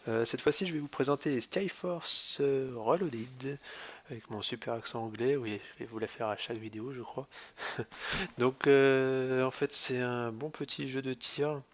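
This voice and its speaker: A man with a stuffy nose from a cold, casually walking through a mobile game, pausing often with hesitant fillers. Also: mid-range voice, fairly even intonation. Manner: hesitant, fills pauses with "euh". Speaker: gaming video host. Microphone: phone or tablet screen recording.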